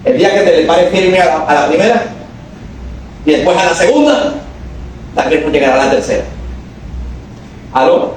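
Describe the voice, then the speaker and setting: A male pastor preaching a sermon to a congregation, calling for responses and rising to shouted exhortations. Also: fairly high pitch, expressive, moderate pace, long pauses, slight background noise. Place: church hall. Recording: very echoey hall, voice from far off.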